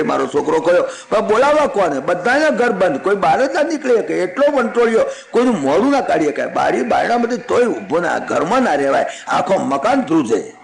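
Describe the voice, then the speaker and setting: A man giving a devotional sermon, telling a scripture story in a lively, folksy way with chuckling asides. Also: a little high, creaky, reverberant, low-quality recording.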